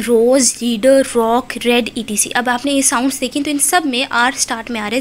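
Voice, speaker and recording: A young woman with a Pakistani Urdu accent teaches phonology from her lecture notes, slowing down to spell out English example words. Her voice sits high and is a bit bright, with slight background noise.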